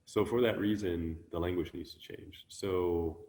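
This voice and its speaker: A man giving a relaxed, conversational Buddhist teaching online, musing aloud with many ums and restarts. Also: sits low, a little slow, vocal fry, long reverb tail. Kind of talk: conversational dharma talk. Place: online talk, sharing his screen.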